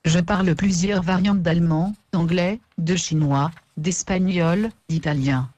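Low, dark synthetic female assistant voice. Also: steady tone, measured pace. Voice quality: sepulchral, synthetic. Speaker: virtual assistant.

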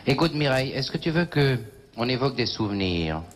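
A man hosting a 1960s television show, coaxing a shy young guest in a gentle, paternal way. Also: medium pitch, very animated, fairly quick. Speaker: TV show host. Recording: faint hiss of 1960s TV audio.

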